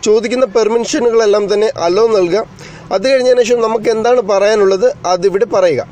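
A man hosts an explanatory tech tutorial, narrating in a formal, wordy way and speaking directly to viewers. His voice sits high, a little mellow, with a brisk delivery.

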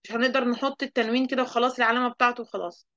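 A woman with an Egyptian Arabic accent, a teacher telling a story to children in a lively way and asking them questions. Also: a little high, racing, no echo, dull audio.

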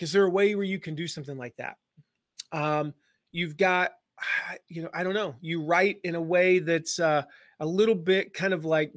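An online business coach from the Southern United States gives a casual live-stream lesson, rambling and joking with plenty of fillers and restarts. His voice is fairly high and a bit bright, captured in a dry, studio-quality recording.

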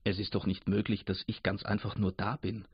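Male reader doing eager, curious personified Thinking, husky, dry close sound. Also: fairly low pitch, flat delivery, fairly quick, dry recording. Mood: eager, insistent. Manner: eager, insistent. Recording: dull lo-fi radio recording.

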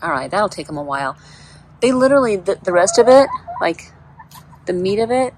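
Filming on a handheld phone from off screen, a woman vlogs casually from her backyard chicken run, using a high, playful voice when she talks to her hens. Her pitch swings widely, she speaks fairly quickly with a slightly mellow tone, and the low-quality recording carries a bit of hiss or hum.

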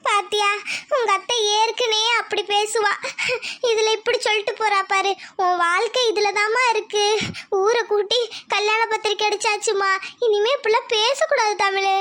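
A woman's voice: very high voice, fairly even intonation, moderate pace, fairly bright tone. A woman voicing a worried village mother in a homemade cartoon, scolding and pleading with her daughter. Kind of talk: cartoon voice acting.

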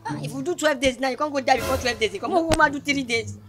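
An excitable young man with a Nigerian, West African accent. His voice is very high for a man and rattles along quickly in animated comedy-skit dialogue, with music behind it. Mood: urgent, insistent. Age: young adult. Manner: exclamatory, animated. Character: agitated, excitable young man alarmed over a debtor. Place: outdoor residential compound.

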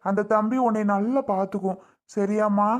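A woman voicing an older father who gently advises his daughter as she leaves home. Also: mid-range voice, steady tone, moderate pace, close to an everyday voice. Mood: tearful. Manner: tearful, pleading, gentle advice. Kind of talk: family skit acting.

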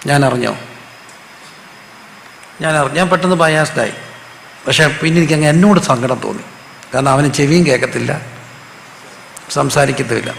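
Man, pastor, sermon, call-and-response, gravelly, echoey church hall. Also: medium pitch, a bit bright, a little hiss or hum. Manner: call-and-response preaching, asks the audience to repeat answers; storytelling with humor. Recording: echoey hall with faint ambience.

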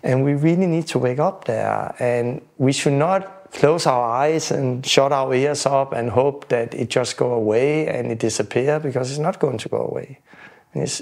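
A man's voice: mid-range voice, gravelly, a little mellow. Earnest Danish-accented man preaching. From Denmark. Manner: earnest, repeats words when starting, halting restarts. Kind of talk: earnest testimony to camera. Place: indoor home room.

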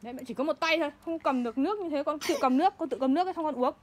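At home, a mother's high-pitched voice races along as she repeatedly pushes her child to hurry. Her manner in this home video mixes urgent coaxing with scolding, over and over.

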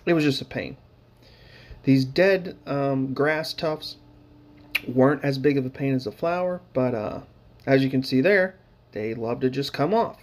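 A man's voice: medium pitch, measured pace. A man casually narrating his hobby painting footage, rambling with lots of fillers and dry, sarcastic humor.

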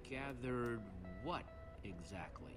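An earnest young game hero. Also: male voice, medium pitch, lively intonation, slow pace. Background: game music.

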